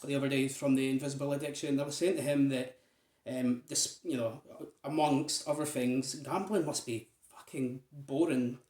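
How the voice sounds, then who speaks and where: An echoey room surrounds this Scottish vlogger from Aberdeen as he chats casually with his viewers. His mid-range voice has a darkish tone, fairly even intonation, and normal speed. He rambles, dropping in plenty of fillers.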